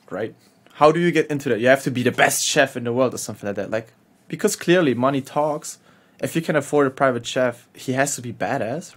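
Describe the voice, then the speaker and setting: A man, a chef telling stories as a podcast guest, laughing often and talking in loose slang with casual swearing. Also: mid-range voice. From Hamburg, Germany. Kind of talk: casual storytelling.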